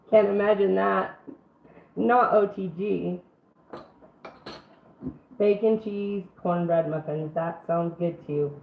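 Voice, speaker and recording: A woman's voice: mid-range voice, steady tone, takes it slowly, pauses often. Under-the-weather woman on a tinny kitchen stream. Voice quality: rough, congested-sounding voice. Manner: folksy, chatty, addresses viewers by name. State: sick for two weeks, throat-clearing. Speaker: host of a live home cooking stream. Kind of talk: casual live cooking chat. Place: home kitchen, live stream. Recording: roomy, band-limited phone-like stream, faint noise.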